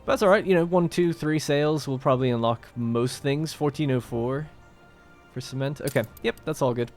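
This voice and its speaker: A man's voice: on the high side, fairly quick, darkish tone, soft background music. A man hosting a let's play, talking casually and thinking aloud as he plays a strategy game. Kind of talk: gameplay commentary.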